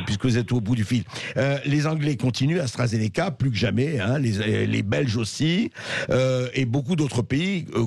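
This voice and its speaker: A man's voice: medium pitch, darkish tone, slightly rough, no echo. A man hosting a live radio interview, talking conversationally and often chiming in with short acknowledgments. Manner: conversational, frequent brief acknowledgments. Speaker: radio host. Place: radio studio. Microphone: studio microphone.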